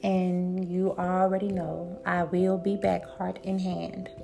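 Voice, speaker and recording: A woman hosting a spiritual encouragement talk, speaking slowly and earnestly and repeating affirmations with growing emphasis. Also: on the low side, level tone, vocal fry, mellow. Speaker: podcast host. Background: background instrumental music.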